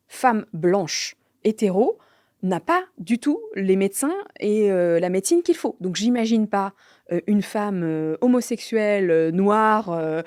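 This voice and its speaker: A woman, telling her own story candidly, halting with many fillers and sometimes dropping to a near-whisper. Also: medium pitch, mellow, no echo, studio quality. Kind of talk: personal testimony.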